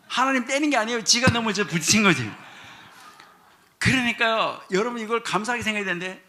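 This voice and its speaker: A middle-aged man preaching a sermon, telling a parable with acted-out dialogue and questions to the congregation. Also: sits high. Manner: animated, acts out dialogue, asks congregation questions. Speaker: professor preaching. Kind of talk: sermon with storytelling.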